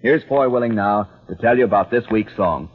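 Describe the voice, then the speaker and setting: A man's voice: fairly low pitch, fairly quick, breathy edge. A man with an American accent announcing in the style of an old 1940s radio show. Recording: muffled old radio recording, music behind. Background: music.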